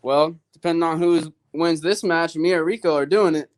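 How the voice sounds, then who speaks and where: A man's voice: on the high side, fairly even intonation, moderate pace. A man speaking as an amateur fighter, giving casual, plain-spoken interview answers.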